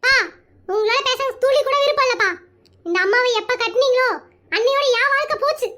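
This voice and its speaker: A woman's voice: extremely high pitch, brisk, bright, forceful tone. A woman voicing a cheeky, dramatic young boy in a cartoon comedy, speaking with a rural Tamil Nadu accent and a whiny, pleading manner. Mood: sassy. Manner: whiny, pleading, mock-threatening.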